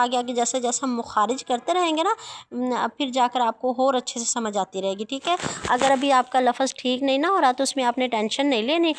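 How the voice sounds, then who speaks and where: Patient woman teaching letter sounds slowly. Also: fairly high pitch. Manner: patient, reassuring, repeats "theek hai". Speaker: Quran reading teacher. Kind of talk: slow recited drill and explanation.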